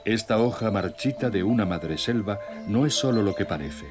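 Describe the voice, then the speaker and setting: Guy from castile wise, lowish voice, measured nature documentary narration, music and birdsong behind. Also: expressive. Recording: music bed with nature sounds. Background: music, birdsong and nature sounds.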